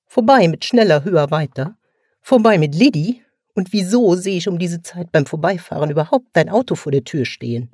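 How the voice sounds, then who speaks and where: A man reading aloud voices a sharp-tongued older sister who mocks and reproaches her brother. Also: a little high, expressive, normal speed, no echo, clean studio sound, pitched above the performer's own voice. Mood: scornful. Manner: mocking, reproachful.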